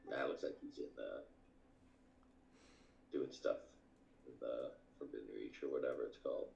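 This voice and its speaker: A man's voice: a bass voice, fairly even intonation, normal speed, gravelly, darkish tone, roomy sound, highs cut off, a little hiss or hum. A man chatting casually over gaming voice chat, laid-back and starting his sentences over.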